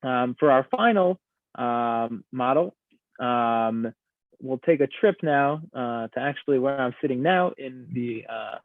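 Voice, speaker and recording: A young man giving a Torah lesson, talking through the material slowly with many pauses and ums. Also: mid-range voice, expressive, no echo. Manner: hesitant, many ums, explains step by step. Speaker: Torah teacher. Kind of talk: recorded Talmud lecture. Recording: dry, tinny phone-like sound.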